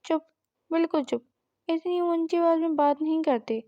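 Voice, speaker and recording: A woman's voice: very high voice, no echo, muffled recording. A woman voicing a stern, protective young husband who gives firm, scolding commands.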